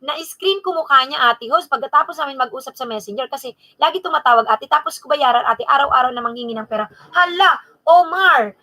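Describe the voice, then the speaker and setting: A woman from the Bicol region hosting a casual livestream, telling a gossipy story in an animated way and talking straight to her viewers and moderator. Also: high-pitched, fast, hardly any pauses, poor audio. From Bicol region, Philippines. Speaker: livestream host.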